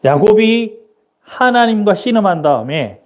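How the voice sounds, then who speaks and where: In a church sanctuary during a Sunday service, a missionary preaches an interactive sermon in a high voice that swings widely in pitch. Very animated yet a little slow and mellow, he quizzes the congregation and then answers his own questions into the microphone.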